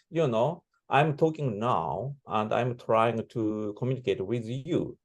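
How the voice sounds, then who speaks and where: A man giving reflective interview answers as a composer, speaking halting non-native English with broken grammar. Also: mid-range voice, darkish tone. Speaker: interviewee, composer and sound performer.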